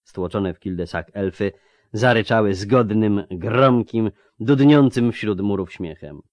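Steady male narrator, low-pitched, dry studio sound. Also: a little slow, dry recording. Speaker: audiobook narrator. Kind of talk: scripted narration.

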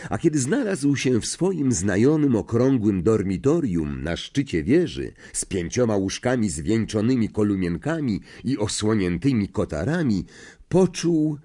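A man narrating an audiobook in an expressive way, acting out the characters. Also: fairly low pitch, a little slow, husky. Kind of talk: scripted narration.

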